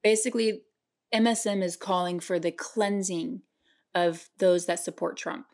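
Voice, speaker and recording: A young adult woman co-hosting a casual political podcast, chatty and quick to finish her co-host's sentences. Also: fairly low pitch, steady tone, darkish tone. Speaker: podcast co-host.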